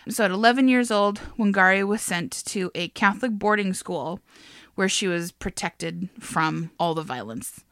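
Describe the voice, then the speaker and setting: Bright-voiced woman telling a story. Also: medium pitch, moderate pace, no echo, clean studio sound. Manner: laughs often, swears, chatty. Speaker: podcast co-host. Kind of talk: casual chat, telling a biography.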